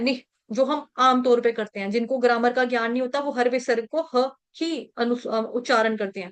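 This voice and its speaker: A woman with a high, light voice leads an online scripture class. She takes the verses apart syllable by syllable, correcting pronunciation patiently. Then she chants each line slowly for the group to repeat. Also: a bit bright.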